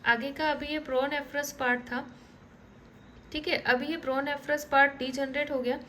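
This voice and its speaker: High-voiced woman teaching a class. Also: level tone, normal speed, bright, forceful tone, a little hiss or hum, low-quality recording. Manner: repeats "ठीक है" often, restarts words. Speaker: biology teacher. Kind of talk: online lecture explaining diagrams.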